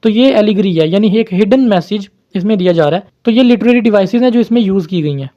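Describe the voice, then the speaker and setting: A man's voice: high-pitched, fast talker, highs cut off. A man teaching, explaining a poem step by step to viewers and mixing in English terms.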